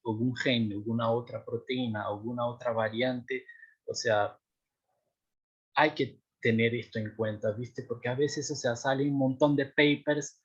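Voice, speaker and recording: A young Portuguese-speaking man presents his doctoral work at a seminar in a mid-range, husky voice with little pitch movement, a bit slow, over dull audio. He's halting, with lots of fillers and restarts, often checking whether he's understood.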